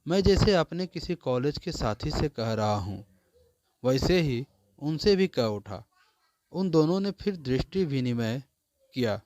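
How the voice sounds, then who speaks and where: A male storyteller reads a literary story aloud in the first person, slow and deliberate. His voice sits a little high for a man, close and dry with no room around it. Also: expressive, a little mellow, no room sound. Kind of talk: scripted story narration.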